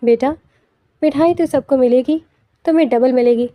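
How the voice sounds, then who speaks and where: A woman's voice: high voice, dark tone, no room sound, natural voice. A woman voicing a fond, doting sister-in-law at a dinner.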